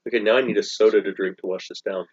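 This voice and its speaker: A man's voice: fairly low pitch, fairly even intonation, very fast, muffled recording. A man casually chatting as co-host of a candy review, describing flavors in detail while chewing. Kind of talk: casual chat.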